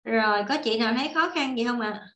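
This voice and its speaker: A fairly high-voiced woman teaches an online language class. She talks casually and patiently, repeating each example as she writes it. The audio sounds echoey, like a computer call. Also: quick pace, pushed and bright, a little hiss or hum. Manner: patient, repeats and demonstrates while writing.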